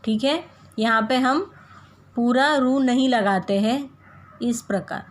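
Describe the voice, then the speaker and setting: A woman teaching young children a Hindi lesson, saying example words slowly and deliberately so they can repeat after her. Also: fairly high pitch. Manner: slow, carefully drawn-out pronunciation of example words. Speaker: primary school Hindi teacher.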